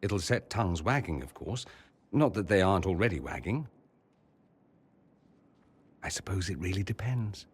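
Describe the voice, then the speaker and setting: Dorian, a low-voiced, sardonic mage. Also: male voice, expressive, moderate pace, long pauses, slightly rough, exaggerated voice. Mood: flirtatious. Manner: arch, sardonic, theatrical. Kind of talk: video game voice acting.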